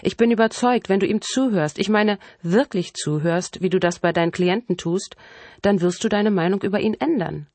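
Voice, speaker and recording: A woman's voice: mid-range voice, moderate pace, a little mellow, no room sound, pitched above the performer's own voice, natural voice. A woman voicing an infatuated adult sister who pleads and coaxes insistently in an audiobook. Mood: pleading. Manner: insistent, coaxing.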